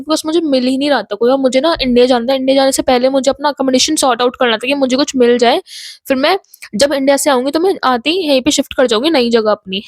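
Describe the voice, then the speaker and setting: Young woman vlogger, high-pitched, chatty story-time rambler, dry close sound. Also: dry recording. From Ghaziabad, North India. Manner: chatty, rambling, mixes Hindi and English.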